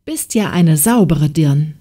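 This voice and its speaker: A woman's voice: medium pitch, big pitch swings, measured pace, dark tone, breathy edge, far from the mic. A woman voicing a harsh, scornful farm wife in a fairy tale audiobook, scolding and mocking.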